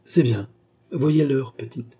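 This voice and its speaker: Raised well above his own register, the reader turns into a brisk noblewoman of about thirty, as a man puts her on. She snaps out imperious questions and orders in a dark, husky tone. It sounds like an audiobook reading. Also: medium pitch, pitched above the performer's own voice. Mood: commanding. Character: lively noblewoman around thirty, commanding.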